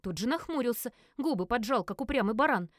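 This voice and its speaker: A woman narrating a first-person audiobook in a lively acted reading, briefly giving each character a voice. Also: a little high, fairly quick, no echo, clean studio sound.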